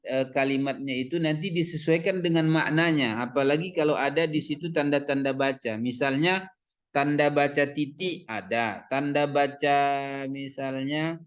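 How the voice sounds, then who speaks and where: A man, teaching Arabic reading in a lecture and explaining terms step by step with many fillers. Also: a little high.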